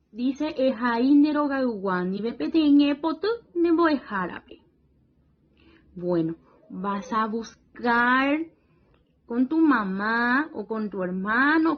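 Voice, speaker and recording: Slow, patient woman teacher, lo-fi. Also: high-pitched, expressive. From Paraguay region. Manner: slow, patient, repeats praise and checks in with "¿sí?". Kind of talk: worksheet lesson for young children.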